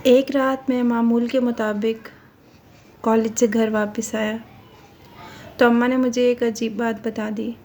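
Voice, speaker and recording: Female narrator for a spoken story, low-key and mellow, reading in a steady scripted way. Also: pauses often, slight background noise.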